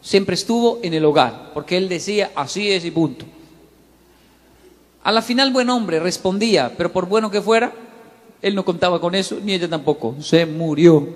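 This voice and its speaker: Male preacher, lively storyteller who plays every character, long reverb of a large hall. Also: high-pitched, a little fast. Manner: animated, voices the story's characters, calls audience to repeat. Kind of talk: sermon with acted-out story.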